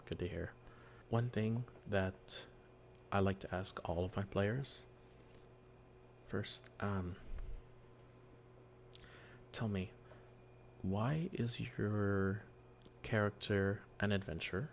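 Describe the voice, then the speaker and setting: A deep-voiced man speaks softly in a whispered role-play as a friendly dungeon master. He explains slowly and patiently, with gentle fillers. A faint hiss of room ambience sits behind him. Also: gravelly. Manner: soft-spoken, gentle, reassuring. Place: quiet home early morning.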